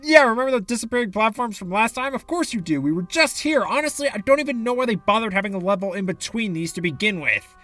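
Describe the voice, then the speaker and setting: A man's voice: sits high, lively intonation, quick pace, a bit bright, no room sound. A man giving sarcastic, exasperated commentary for a video game review essay, into a close mic.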